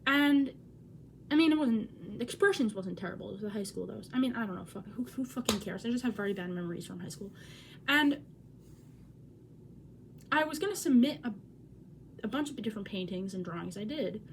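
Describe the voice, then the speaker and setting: A woman's voice: mid-range voice, lively intonation, a little fast, vocal fry, pauses often, a little hiss or hum. A woman in her twenties vlogging at home, talking in an awkward, rambling way, cutting herself off and swearing. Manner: awkward, self-interrupting, swears. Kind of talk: casual rambling vlog. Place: at home by a window.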